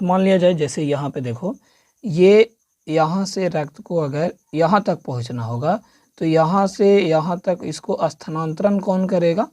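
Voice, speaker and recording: Speaking slightly high and a touch mellow, a male coaching teacher runs an exam-prep science lesson, repeatedly quizzing the listener and drilling answers. It's a dry, clean studio recording.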